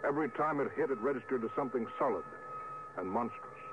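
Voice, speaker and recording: A man's voice: mid-range voice, fast, natural voice. A stern male starship captain, played by an actor in vintage radio drama. He is wary and clipped, giving orders with command. The sound is narrow and thin, with heavy hiss. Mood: grave. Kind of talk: 1950s radio drama acting. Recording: muffled, noisy vintage radio recording.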